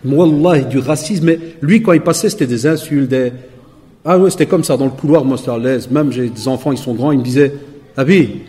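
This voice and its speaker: This sermon comes from a Belgian man in his forties who preaches to a live audience, telling anecdotes, acting out what others said, and joking with the room. His mid-range, mellow voice is brisk, heard in an echoey hall.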